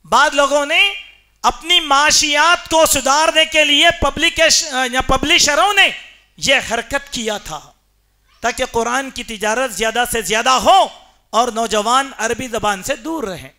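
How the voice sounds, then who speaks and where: Man preaching, very high pitch, emphatic questions to the congregation. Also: bright, forceful tone. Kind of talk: Friday sermon. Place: mosque.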